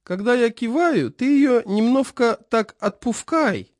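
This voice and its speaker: A man voicing a decrepit, senile old male chairman who lisps and mumbles slowly. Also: very high voice, expressive, no room sound, studio quality, voice pushed up. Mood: approving. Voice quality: lisping, mumbling. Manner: slow, drawling.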